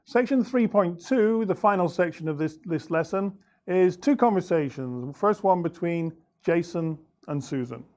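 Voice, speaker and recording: A man teaching English, going over the answers to a lesson in a clear, measured way with some fillers. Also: high-pitched, animated, darkish tone.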